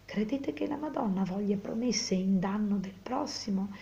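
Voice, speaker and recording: A woman's voice: mid-range voice, animated, moderate pace, creaky, dark tone, highs cut off. A woman voicing an anxious young peasant man. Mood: insistent.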